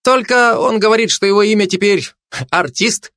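A man voicing a blunt, sharp-tongued male tourist who talks matter-of-factly in a raised voice. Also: high voice, normal speed, no room sound, clean studio sound, voice pushed up.

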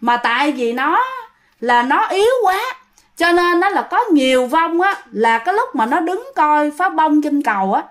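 A woman's voice: sits high, expressive, normal speed, pitched above the performer's own voice. A woman voicing the tearful, pleading ghost of a young man in a told story.

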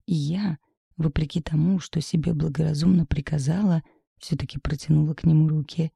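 A woman's voice: low-pitched, steady tone, a little fast, creaky, dark tone, husky, dry recording, studio quality. A woman reading a novel aloud in the first person, in a worried, confiding manner. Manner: worried, confiding inner monologue. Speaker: audiobook reader.

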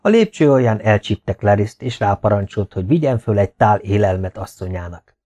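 A man reading a novel aloud as an audiobook narrator, in a steady, even manner. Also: fairly low pitch. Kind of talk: scripted narration.

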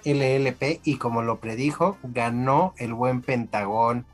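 A man's voice: medium pitch, a little slow. A man with a Mexican accent hosting a radio show with casual, joking, slangy banter. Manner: joking, informal.

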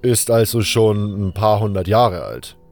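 In this fan audio drama line, an unhurried man with a lowish, darkish voice gives light acting as a rough, easygoing adventurer with no schooling and no filter. He wanders on in casual, offhand speech, sounding thoughtful but unconcerned. Soft music sits in the background.

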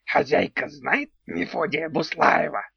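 An impish male house spirit from a storybook drawls his words slowly and strangely, always naming himself in the third person, as a man puts him on. His voice is gravelly and dry. The recording sounds dull and lo-fi. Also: on the high side, dry recording, voice pushed up, exaggerated voice. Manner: slow, odd, talks of himself in third person. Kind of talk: audiobook character voice.

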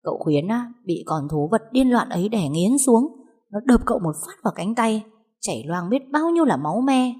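A woman's voice: medium pitch, sing-song, a little fast, dark tone, husky, pitched above the performer's own voice. A woman voicing a young village man who urgently recounts a deadly tiger hunt.

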